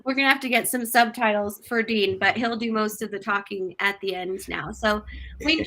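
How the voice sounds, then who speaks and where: A woman's voice: a little high, bright, forceful tone. A woman hosting a live-streamed business panel on a video call, asking questions in an upbeat, affirming way. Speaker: webinar host.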